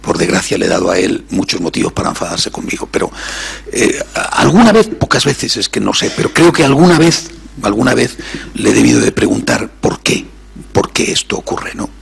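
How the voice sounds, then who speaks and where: A man, a priest, delivers a contemplative sermon in a gravelly, raspy voice. His pitch moves widely, sinking into hushed, almost whispered passages and then lifting for emphasis. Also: huge pitch swings, fairly quick. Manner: reflective, drops to soft near-whispers and rises for emphasis.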